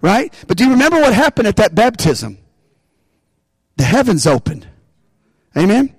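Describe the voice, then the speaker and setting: Man, pastor, sermon, high-pitched, dry, call-and-response, emphatic bursts. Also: big pitch swings, moderate pace, breathy edge, no room sound, rough recording.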